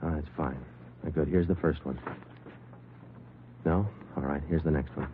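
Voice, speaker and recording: In a muffled old 1950s radio crime drama with music, a man with a bass voice plays a terse, steady police sergeant detective narrating his case. He speaks at normal speed, clipped, matter-of-fact and deadpan, in a patient mood, over a noisy background.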